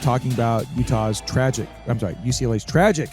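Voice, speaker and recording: A man's voice: medium pitch, fast talker, darkish tone, soft background music. A man hosting a sports podcast in casual, rambling chat, full of likes and fillers. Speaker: podcast host.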